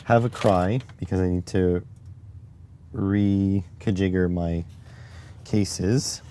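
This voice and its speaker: A man with a raspy voice live-streaming while testing circuit boards, muttering to himself as he works and reading chat aloud. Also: low voice, steady tone, slow, dark tone, slight background noise. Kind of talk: casual live-stream electronics tinkering.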